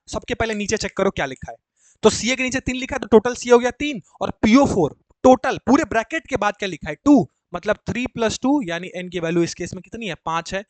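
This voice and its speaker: Male chemistry tutor, high-pitched, dry close sound, coaxing and repetitive classroom delivery. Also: no echo. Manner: chatty, coaxing, repeats and quizzes students. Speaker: chemistry teacher. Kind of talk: live class explanation. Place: coaching classroom.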